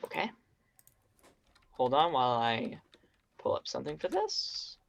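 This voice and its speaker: A woman running a tabletop game as game master on a live stream, calm and matter-of-fact as she calls for rolls. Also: a bass voice, unhurried, gravelly. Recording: dull lo-fi stream audio.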